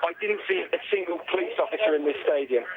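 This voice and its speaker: Over a thin, tinny phone line, a man with an English accent gives an eyewitness report. His voice is notably high for a man, in the manner of a radio reporter on the scene. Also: fast.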